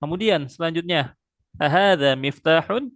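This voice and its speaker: A man's voice: on the high side, fairly bright tone, dry recording. Patient male Arabic tutor. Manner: patient, slow drilling with frequent pious interjections. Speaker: Arabic teacher. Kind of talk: online one-on-one language lesson.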